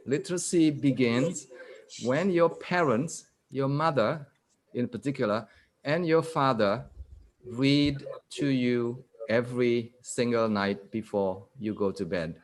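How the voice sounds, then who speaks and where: A man lecturing to a webinar audience over a video call, in a middle-pitched voice. He keeps turning to his listeners with questions. He reads key statements out slowly and repeats them. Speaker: guest lecturer. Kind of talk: interactive online lecture.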